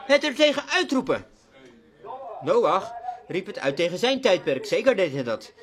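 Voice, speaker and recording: Fervent high-voiced man preaching a sermon. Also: big pitch swings, normal speed. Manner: fervent, repetitive preaching cadence. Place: church before a congregation.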